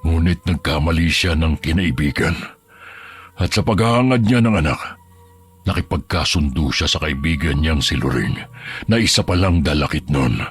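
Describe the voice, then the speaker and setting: A man voicing a grave husky village elder. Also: extremely low pitch. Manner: slow, grave storytelling. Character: older village man, calm, grave, knowing. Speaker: character in a horror audio story.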